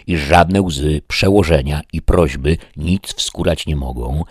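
A man calmly reading a classic novel aloud as narrator. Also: very deep voice, slightly rough, no echo, studio quality. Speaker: audiobook reader. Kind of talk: scripted narration.

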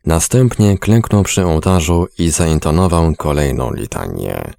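Deep gravelly male storyteller. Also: expressive, measured pace, warm tone, no echo. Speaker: narrator. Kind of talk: storybook narration.

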